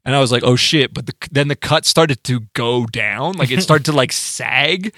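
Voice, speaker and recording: A man's voice: medium pitch, moderate pace, pushed and bright, no room sound, clean studio sound. A man co-hosting a podcast and telling stories in casual chat, rambling and swearing with lots of filler words. He is a band musician. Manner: rambling storytelling with profanity and filler. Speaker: podcast co-host.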